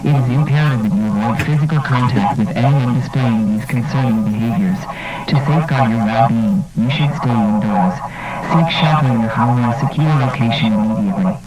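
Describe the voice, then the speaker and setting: A man's voice: mid-range voice, loud music behind the voice. Muffled, distant man reading an emergency alert. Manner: steady, measured, official delivery. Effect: muffled and distant, as if heard through a door. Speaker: emergency broadcast announcer. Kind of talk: formal scripted alert announcement.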